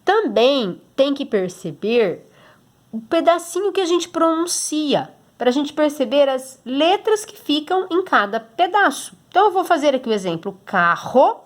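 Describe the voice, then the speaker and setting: Lively Brazilian teacher woman. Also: sits high, measured pace. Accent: Brazilian Portuguese. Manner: patient, explains step by step with many checks like "tá?". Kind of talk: recorded homework lesson for children.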